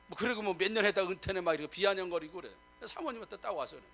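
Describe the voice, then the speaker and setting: A middle-aged male pastor preaching a sermon, emphatic and rising to loud exclamations as he keeps addressing the congregation. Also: sits high, racing, soft background music.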